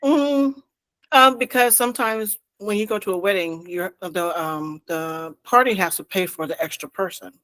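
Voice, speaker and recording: A woman's voice: medium pitch, normal speed, a bit bright, no room sound, poor audio. A woman on a group video call, answering thoughtfully with some hesitant fillers. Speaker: meetup participant.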